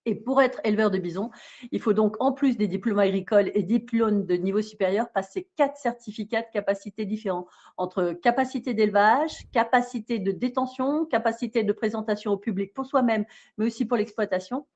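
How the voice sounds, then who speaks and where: A woman's voice: medium pitch, fairly quick, darkish tone. A woman raised in Australia, a bison farmer, explaining her work at length in a casual interview, and laughing easily. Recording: dull lo-fi sound.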